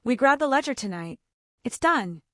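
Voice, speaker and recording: A man's voice: extremely high pitch, very animated, moderate pace, pushed and bright, no room sound, clean studio sound, exaggerated voice. A woman reading the lines of a tall, heavy-set male henchman who speaks curtly and curses. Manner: curt, cursing.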